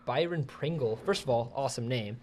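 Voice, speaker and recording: A young man co-hosting a casual sports talk show, chatty and quick with game recaps. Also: medium pitch, darkish tone. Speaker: co-host.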